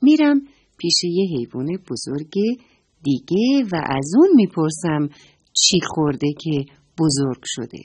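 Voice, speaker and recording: A small, playful frog asks its eager, wide-eyed questions in a children's storybook voice, as a woman puts it on. The pitch bounces about with lively swings, and the tone is soft and breathy. It sounds close and dry. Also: dry recording, heavily acted.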